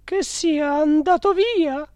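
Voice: high voice, slow pace, darkish tone, dry recording, clean studio sound, voice pushed up. A reader voicing a pleading, gushing middle-aged lady calling out to a dead uncle at a séance.

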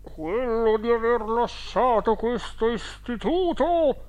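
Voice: mid-range voice, expressive, slow, darkish tone, pitched above the performer's own voice. A reader voicing a boy who fakes a dead uncle's ghost in a faint, solemn voice.

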